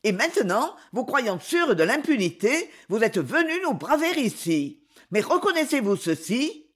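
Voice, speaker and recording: A woman's voice: on the high side, big pitch swings, unhurried, voice pushed up. A reader voicing an agitated woman who accuses another in court with indignant outbursts.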